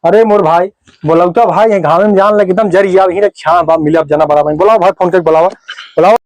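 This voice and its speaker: A man's voice: high-pitched, fairly even intonation, brisk, a little mellow, lightly acted. A man playing an exasperated stranded motorist in an Awadhi comedy sketch, complaining and urging with an Awadhi accent. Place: outdoors by a roadside. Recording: noisy outdoor recording with clicks.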